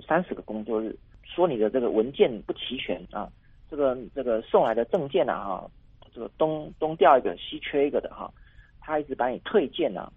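A man's voice: mid-range voice, vocal fry, breathy edge, no room sound. A man, a tour guide chatting in an interview clip and drawing out his sentence-end particles. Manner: chatty, many drawn-out particles. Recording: tinny phone line.

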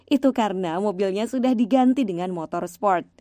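A woman's voice: medium pitch, brisk, dark tone, no room sound. A woman narrating a scripted news report.

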